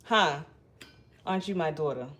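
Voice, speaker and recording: At normal speed, a middle-aged woman from Massachusetts speaks in a low, animated, fairly bright voice, with a little hiss or hum. As a livestream host, she chats casually with viewers, shy and rambling, often restarting.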